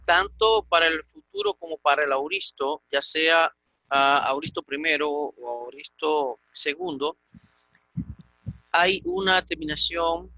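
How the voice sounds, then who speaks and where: A man with a Dominican Spanish accent giving a slow, repetitive grammar lecture and often clearing his throat. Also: fairly high pitch, bright, forceful tone, no echo, rough recording. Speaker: Greek teacher.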